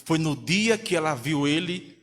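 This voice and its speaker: A man's voice: on the high side, lively intonation, moderate pace, fairly bright tone, in a large hall. A man, a pastor from Brazil, preaching a sermon in a church, telling a family story and acting out the voices of the people in it. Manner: storytelling, acts out quoted voices. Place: church hall.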